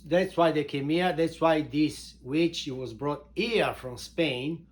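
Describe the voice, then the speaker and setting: A man from Italy with an Italian accent, informally introducing his book in halting non-native English, repeating words for emphasis. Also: on the high side. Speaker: author and show host introducing his book.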